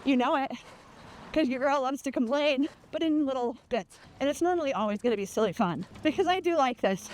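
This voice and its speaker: A woman chatting casually and candidly while running in the heat, playful and quick to swear. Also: high voice, animated, darkish tone.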